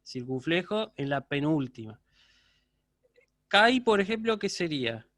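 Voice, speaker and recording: A man's voice: fairly high pitch, very animated, a little slow, fairly bright tone, no room sound. A man teaching a university Greek class over a video call, patiently checking in with his students. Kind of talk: online lecture.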